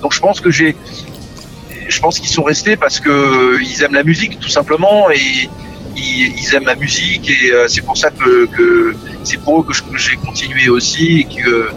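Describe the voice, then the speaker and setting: With poor audio and music underneath, a musician guest in middle age talks casually about his work and family, often stumbling and repeating words. He speaks at a normal speed in a medium-pitched voice.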